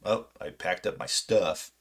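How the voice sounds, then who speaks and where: Born in Poland, where he stayed until seven before moving to southern California, this man in his late thirties sits low in pitch. He's an amateur retail trader hosting a livestream, rambling off the cuff in a halting, self-deprecating manner.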